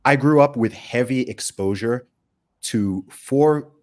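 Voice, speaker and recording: Animated man hosting a podcast. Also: mid-range voice, slow pace. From UK, raised in Saudi Arabia. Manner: animated, emphatic, rhetorical questions, frequent restarts. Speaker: podcast host. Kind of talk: casual conversational podcast.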